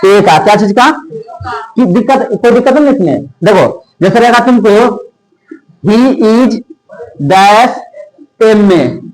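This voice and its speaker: Man teacher, high voice, drills exam grammar, keeps checking "theek hai" and firing quiz questions. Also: takes it slowly, pauses often, a little mellow, rough recording. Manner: repeats "theek hai" often and quizzes the listener with rhetorical questions. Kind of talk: exam-prep grammar lesson.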